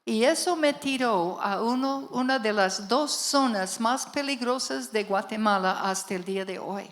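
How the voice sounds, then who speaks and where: A woman pastor with a fairly high voice, preaching a storytelling sermon. She tells her story in a lively way and presses her points hard with emphatic calls to the congregation. She speaks before a church congregation. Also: measured pace.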